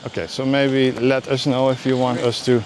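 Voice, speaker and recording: A man's voice: mid-range voice, little pitch movement, normal speed, a little mellow. A man hosting a casual walking vlog, chatting in a hesitant, meandering, conversational way. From Aruba. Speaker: vlog host. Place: outdoors, walking along a road. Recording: noisy outdoor street with traffic. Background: clear outdoor street and vehicle noise.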